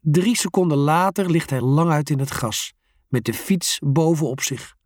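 A storyteller reading a children's story aloud, slowly and expressively. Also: mid-range voice, dry recording, clean studio sound. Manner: slow, expressive.

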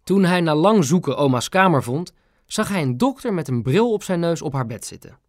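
A narrator reading a children's story aloud in an audiobook reading, with expressive storytelling. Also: mid-range voice, moderate pace, no echo, studio quality.

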